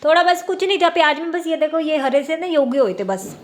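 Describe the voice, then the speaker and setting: A woman in her thirties narrates a casual family vlog, chatting to viewers while she does household chores. Her high-pitched voice is animated and a little fast, and she laughs often as she talks.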